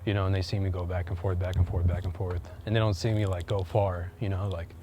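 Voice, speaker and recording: Talking quickly in a deep, level voice, a man records a vlog while out on a walk. The casual chat is rambling and halting, full of fillers and restarts, with heavy wind noise on the mic.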